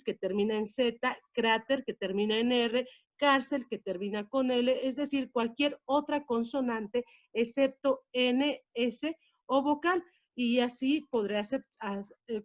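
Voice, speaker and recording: A woman teacher giving a spoken grammar lesson in a measured, explanatory way, stressing key words. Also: on the high side. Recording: dull lo-fi sound.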